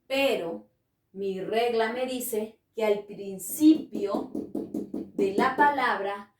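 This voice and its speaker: A woman's voice: fairly high pitch, very slow, recorded from a distance. A woman teaching a spelling lesson to children, patient and coaxing, often asking the class questions. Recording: echoey room, voice from off-mic.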